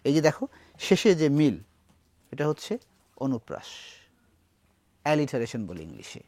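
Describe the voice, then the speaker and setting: In a classroom recitation lesson, a man slowly recites verse, explains the words, and asks his students questions to test them. His voice sits on the high side, a little mellow, with big pitch swings, and there is no room sound.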